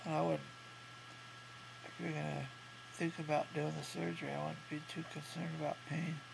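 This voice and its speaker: Guy in his 30s, really gravelly and flat, stuffed-up nose and sore swollen mouth after surgery, low-key halting vlog talk. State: congested, can't breathe through nose. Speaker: vlogger recovering from jaw surgery. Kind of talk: casual video diary. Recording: clearly noisy home recording with hum.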